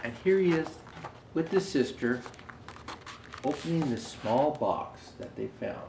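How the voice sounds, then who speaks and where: With a fairly high voice showing vocal fry, a man reads a children's Christmas story at a measured pace, expressive as a storyteller. He raises his voice for quoted speech and adds casual asides, recorded in an echoey room with faint background noise.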